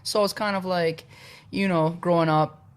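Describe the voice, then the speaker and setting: A young adult man from Poland, a podcast guest talking through his personal story in a relaxed, casual way, with frequent "uh" and "you know". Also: high-pitched, moderate pace, smooth.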